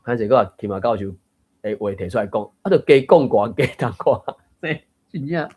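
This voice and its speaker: A man's voice: mid-range voice, lively intonation, normal speed, dark tone, breathy edge. A man hosting a casual online reading group, explaining grammar points in a musing, chuckling way. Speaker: host of a Taiwanese reading group. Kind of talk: casual discussion of a book reading.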